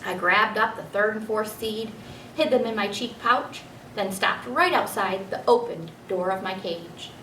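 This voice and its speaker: Reading in an expressive children's-storybook style, a woman voices a clever, self-satisfied pet hamster recounting his adventures. Her mid-range voice moves at a measured pace and sounds natural, playful and self-assured. The recording is roomy, with a distant mic and faint noise.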